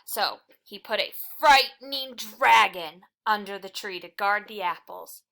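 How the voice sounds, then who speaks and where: A woman reads a children's picture book aloud with expressive storytelling, deliberate phrasing and dramatic emphasis. Her medium-pitched voice is creaky, and the audio quality is poor.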